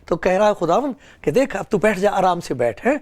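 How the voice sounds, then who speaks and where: Male preacher, high-pitched, earnest sermon delivery with strong rises and falls. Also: expressive, darkish tone. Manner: earnest, pleading preaching with rising and falling emphasis.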